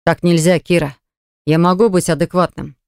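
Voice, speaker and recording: A man's voice: fairly high pitch, steady tone, normal speed, gravelly, smooth, dry recording, clean studio sound. A man voicing a jealous young ex-fiancé who pleads earnestly to win her back, in an audiobook. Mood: insistent. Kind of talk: audiobook dialogue reading.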